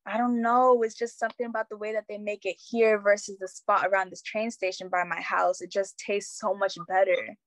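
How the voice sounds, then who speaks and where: Girl acting as a tired tomboy teen, flat comebacks, dry sound. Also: mid-range voice, fairly quick, hardly any pauses, no room sound, lightly acted. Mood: unbothered. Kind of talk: student stage play.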